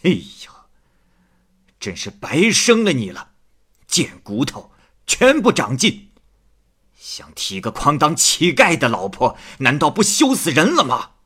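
A man's voice: a little high, huge pitch swings, slow pace, pauses often, sharp tone, husky, voice pushed up, full character voice. A man voicing an angry old father who scolds harshly in a storybook retelling. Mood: furious. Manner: scolding, raised voice.

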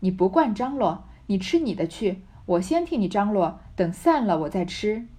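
A woman reading the lines of a bossy, witty young noble lady who runs the household, in a brisk, teasing manner. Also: medium pitch, big pitch swings, warm tone, slightly rough.

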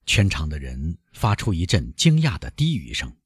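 A man narrating an audiobook in a dramatic, expressive reading. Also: deep voice, moderate pace, husky, dry recording.

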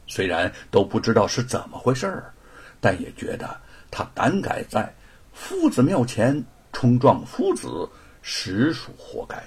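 Husky man telling a story. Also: medium pitch. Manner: expressive, dramatic. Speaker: narrator. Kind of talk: storytelling narration.

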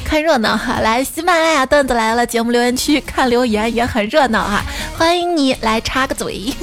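A woman's voice: fairly high pitch, moderate pace, faint music behind. A woman host telling comic stories, playful and laughing often as she acts out the people in them. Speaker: podcast host. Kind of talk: comedic joke storytelling.

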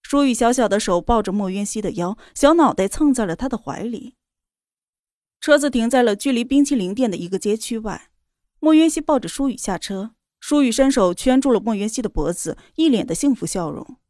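A woman reading a romance novel aloud in a steady, even storytelling voice. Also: a little high, a little fast, dry recording, studio quality. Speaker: narrator. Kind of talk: scripted novel narration.

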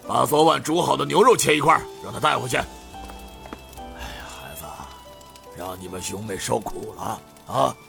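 A man voicing a kindly, warm-hearted aging innkeeper who talks in a fatherly, sighing, emotional way. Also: fairly high pitch, fast, gravelly, hardly any pauses, over music, pitched above the performer's own voice. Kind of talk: storytelling with voiced characters.

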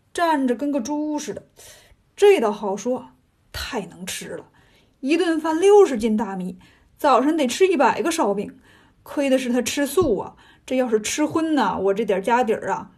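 A woman's voice: on the high side, a little mellow, slightly rough. A woman voicing a fretful old farmer father who grumbles in a folksy, colloquial way.

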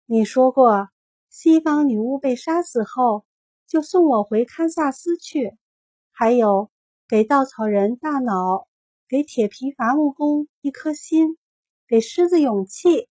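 Woman playing an earnest young girl, high, eager, husky edge, storybook voice. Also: lively intonation, moderate pace, darkish tone. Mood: insistent.

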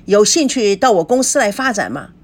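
A woman voicing a hearty, boastful middle-aged male company chairman who praises loudly. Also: medium pitch, big pitch swings, fairly quick, pitched above the performer's own voice. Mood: jovial. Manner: loud, jovial, showy praise.

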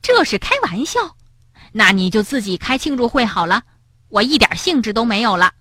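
A woman voicing a timid, easily frightened big female rabbit in a children's storybook, in a shrill, panicky voice. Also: sing-song, moderate pace, pushed and bright, full character voice. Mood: indignant.

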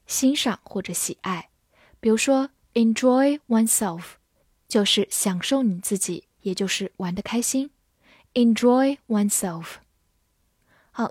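A woman whose first language is Chinese teaches English vocabulary in a scripted lesson, spelling each word letter by letter and reading the example sentences slowly. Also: fairly high pitch, darkish tone, no echo, studio quality.

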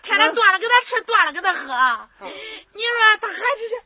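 A woman's voice: very high voice, normal speed. Wailing old Henan mother-in-law. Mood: tearful complaining. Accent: Henan dialect. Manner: tearful wailing complaint. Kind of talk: comic folk opera dialogue. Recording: tinny lo-fi stage recording with audience.

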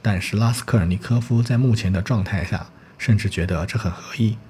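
Low-voiced male audiobook narrator. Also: brisk, a little hiss or hum. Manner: steady storytelling with occasional slips. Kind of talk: novel reading.

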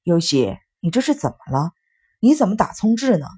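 A calm middle-aged father who gently coaxes his family along, as a woman reads him. The voice drops below her own and keeps a breathy, husky softness. It is storybook reading. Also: fairly low pitch, fairly quick, full character voice. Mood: coaxing. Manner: mild and conciliatory.

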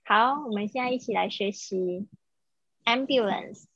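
A woman's voice: medium pitch, a little slow, a bit bright, husky, dry recording, muffled recording. A woman tutoring English vocabulary over a video call, patiently correcting pronunciation and encouraging her student. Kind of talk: live online vocabulary lesson.

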